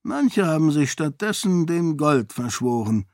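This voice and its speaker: A man's voice: fairly high pitch, very animated, unhurried, dry recording, clean studio sound, pitched above the performer's own voice. Man voicing a grave old duke.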